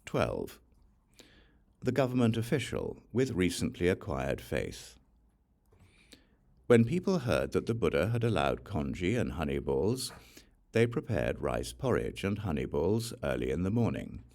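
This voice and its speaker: Reading an ancient scripture aloud, this audiobook narrator has a very deep male voice with a gravelly creak. He takes a slow, deliberate storytelling approach, and his pitch rises and falls with real liveliness.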